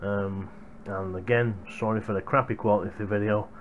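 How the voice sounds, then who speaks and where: A young man, working as a hardware reviewer, chats casually to his viewers in a vlog from a small room at home. His voice sits on the low side with a steady tone and a brisk pace. The gaming headset boom mic adds a little hiss or hum.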